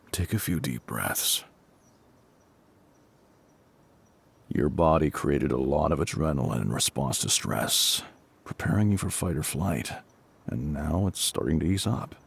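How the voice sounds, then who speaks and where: A male actor plays a gruff but kindly middle-aged fire captain in an intimate audio roleplay, calm and reassuring as he speaks up close. The exaggerated, very deep voice is husky and heavily gravelled, rising and falling lively. He can grow a bit awkward and hesitant, yet remains protective.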